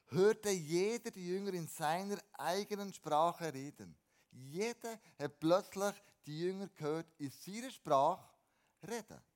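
A man preaches in a voice that sits a little high for a man. He moves between loud, emphatic lines and low, quiet ones. He often repeats words and restarts his phrases. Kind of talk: sermon.

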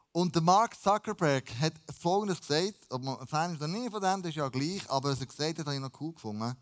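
A pastor preaching a lively, casual sermon and dropping in English phrases. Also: male voice, fairly high pitch.

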